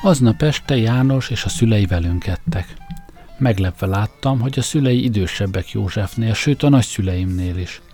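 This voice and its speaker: Male audiobook narrator, wry first-person storytelling, low and warm.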